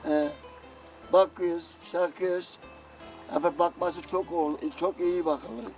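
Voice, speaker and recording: High-pitched older man. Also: level tone, slow pace, a little mellow, far from the mic, poor audio. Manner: short, plain answers. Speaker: beekeeper guest. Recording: off-mic, faint music behind.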